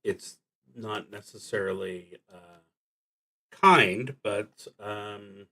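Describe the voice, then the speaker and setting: Playing a tabletop roleplaying game alone on stream, the man muses aloud and reads prompts with deliberate hesitation and long silences. He has a lowish, creaky voice with a sharp tone.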